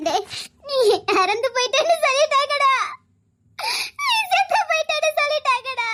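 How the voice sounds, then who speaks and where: A woman's voice: very high-pitched, animated, moderate pace, pushed and bright, exaggerated voice. A woman with a Tirunelveli Tamil accent playing a tearful woman who finds the boy she raised, sobbing and pleading in a web drama. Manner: sobbing, pleading, half laughing through tears.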